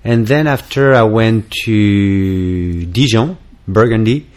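A man's voice: fairly low pitch, slow. A man from France with a French accent, a musician guest in a casual interview, talking hesitantly with many fillers and restarts.

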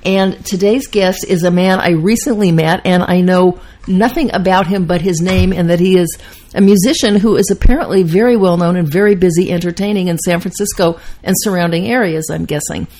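A woman's voice: lowish voice, fairly even intonation, fairly quick, few pauses, a little mellow. A woman hosting an interview show, chatty and cutting in with questions. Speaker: host.

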